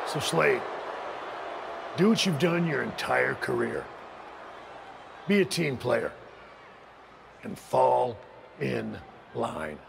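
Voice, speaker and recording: A male actor lends a measured, stern, gravelly voice to a condescending, scheming wrestling faction boss in a game cutscene. His pitch is medium and his delivery sing-song and fully in character, with background noise present. The mood is a scornful lecture.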